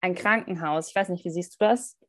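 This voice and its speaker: A woman's voice: on the low side, a little fast, fairly bright tone, dry recording, studio quality. A woman co-hosting an interview, posing long, searching questions. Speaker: podcast co-host.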